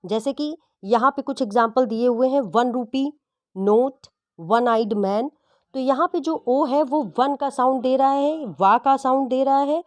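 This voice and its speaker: A woman's voice: a little high, darkish tone, no room sound. A woman teaching English grammar to exam students, explaining patiently and often checking whether the class follows. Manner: patient, repeats and checks understanding.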